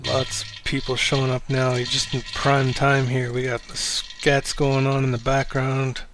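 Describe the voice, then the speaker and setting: A man's voice: unhurried, noisy background. Rambling, swearing livestream host guy. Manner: rambling, self-deprecating, swears casually; low-key, speaks of himself as monotone. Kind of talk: casual livestream chat.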